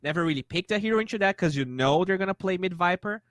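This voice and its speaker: A man's voice: high-pitched, lively intonation, fast talker, fairly bright tone, no room sound. A man co-commentating a live esports match, analyzing hesitantly with many fillers. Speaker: esports co-caster.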